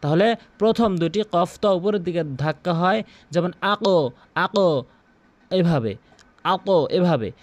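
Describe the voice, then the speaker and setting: A man teaching a Quran recitation lesson, repeating each sound slowly so listeners can practise along. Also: high-pitched, a little mellow, dry recording, lo-fi sound. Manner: stretches out chanted recitation in a drawn-out melodic voice. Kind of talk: pronunciation lesson.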